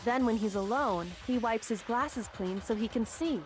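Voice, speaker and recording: A woman playing a composed, smug young woman in an anime mystery game, speaking deliberately. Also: fairly high pitch, soft background music, close to an everyday voice. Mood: confident. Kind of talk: anime video game dub acting.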